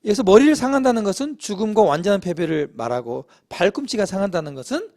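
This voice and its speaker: A man's voice: sits high, big pitch swings, quick pace, dark tone. A man preaching a Bible study lesson in a church, asking the congregation questions and acting out quoted lines. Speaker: lay preacher.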